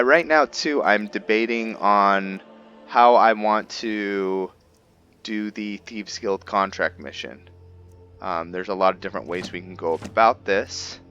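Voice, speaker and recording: A gamer thinks aloud while playing, giving casual commentary on his own roleplay playthrough. His voice is lowish and a bit bright, the recording slightly muffled with video game music behind him.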